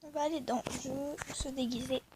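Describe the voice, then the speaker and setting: A woman's voice: sits high, steady tone, normal speed. A young woman casually commenting on a game she plays, rambling with many fillers. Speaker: gaming video creator. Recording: faint background noise.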